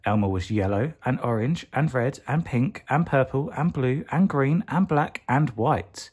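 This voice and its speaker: A man reading a children's picture book aloud as a bedtime story, expressively and deliberately, stretching key words for emphasis. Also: medium pitch, darkish tone, slightly rough.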